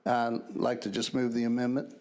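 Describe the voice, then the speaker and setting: A man speaking at a council meeting in a halting way, full of restarts and fillers. His voice sits at a middle pitch as he explains his bill off the cuff. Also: monotone, darkish tone. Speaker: council member sponsoring a bill. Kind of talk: unscripted council remarks.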